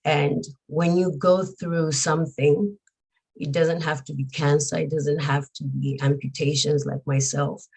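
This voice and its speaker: A woman in her forties from Zambia, a guest speaking earnestly and reflectively about her life, pausing often with fillers. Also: sits low, level tone, vocal fry, a little mellow, breathy edge, rough recording. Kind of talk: personal testimony interview.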